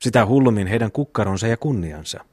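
A sensible peasant brother argues calmly for reason, as a man reads him aloud. His voice is low and husky, and the recording is dry and close. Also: no echo. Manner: calm, reasoning. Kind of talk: audiobook reading of a classic novel.

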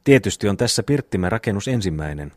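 A man reads out a sensible, level-headed brother in a storybook, who speaks in measured and moralizing phrases. The voice is low, and the recording is dry and close. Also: expressive, a little mellow, dry recording, lightly acted. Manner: measured, sermonizing. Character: calm, wise, reasoning young brother.

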